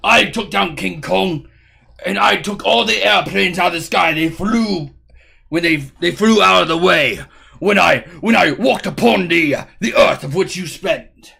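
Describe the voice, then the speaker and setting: A man's voice: high voice, a little slow, gravelly, sharp tone, breathy edge, full character voice. A man putting on a pompous posh pilot baron. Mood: boastful. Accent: put-on British-style safari adventurer. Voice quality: theatrical, pompous, grandiose boasting. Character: bombastic posh male pilot baron, boastful, menacing host. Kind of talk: improvised character bit on a stream.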